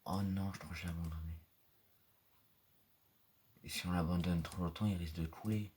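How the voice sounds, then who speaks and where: Low-voiced man rambling over gameplay. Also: steady tone, moderate pace, darkish tone, a little hiss or hum. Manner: rambling, full of fillers, drifts into low murmurs. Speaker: gaming video creator. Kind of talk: casual gameplay commentary. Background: mouse and keyboard clicks.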